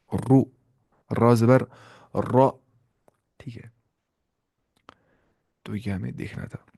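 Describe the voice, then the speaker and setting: A male Quran teacher with a gravelly, fry-edged voice at an ordinary pitch, explaining a lesson step by step. He keeps quizzing the class and answering himself, drawing sounds out slowly to show them. The recording is dry and close, with no room echo. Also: a little mellow. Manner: repeats and slowly drawls sounds to demonstrate.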